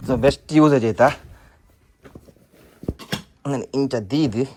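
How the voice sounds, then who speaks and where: A man's voice: medium pitch, a little slow, darkish tone. Chatty man showing his riding gear. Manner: chatty, shows items one by one. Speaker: moto vlogger. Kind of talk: casual gear packing vlog. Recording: faint background noise.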